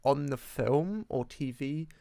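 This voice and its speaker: A man's voice: medium pitch, expressive, slow pace, vocal fry, warm tone, no room sound. A man talking on a podcast, hesitant and full of restarts as he works out his example. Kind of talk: casual podcast discussion.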